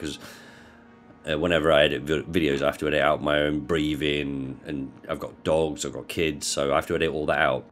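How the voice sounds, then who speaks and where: A man from the north of England, chatting casually to camera with rambling, self-correcting restarts. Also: very deep voice. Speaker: video creator.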